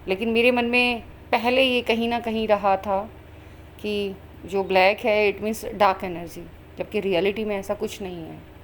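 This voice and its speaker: A woman's voice: mid-range voice, fairly even intonation, unhurried, a little hiss or hum. A woman, a spiritual channel host, recounting a meditation vision in a flowing, earnest way with many fillers. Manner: earnest, flowing Hindi-English mix with fillers. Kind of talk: personal spiritual account.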